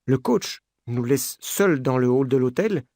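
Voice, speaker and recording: An audiobook reader narrating a first-person detective story slowly and clearly for language learners. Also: mid-range voice, no echo, studio quality. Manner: clear, deliberate, expressive.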